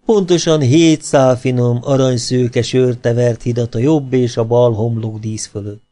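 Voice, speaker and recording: A coquettish young actress from a storybook, lingering over every word in a mellow, darkish voice, as a man reads her part. She is playful and teasing, and she draws out her phrases slowly. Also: medium pitch, fairly even intonation, close to an everyday voice.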